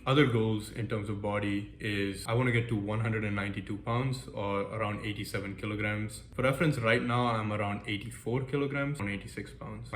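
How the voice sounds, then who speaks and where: A young man from the United States talking casually through his goals in a vlog, upbeat and self-deprecating. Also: on the low side. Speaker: vlogger. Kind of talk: casual goal-setting vlog. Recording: echoey room with faint background noise.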